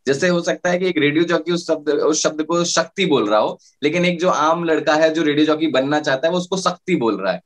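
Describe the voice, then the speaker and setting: A man's voice: on the high side, fairly quick, hardly any pauses. A male radio jockey explaining his career in a casual interview, with frequent fillers and restarts.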